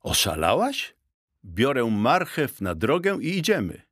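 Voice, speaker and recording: A man voicing a timid male guinea pig who talks in a squeaky, nervous way. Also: wildly swooping pitch, takes it slowly, breathy edge, no echo, studio quality, full character voice.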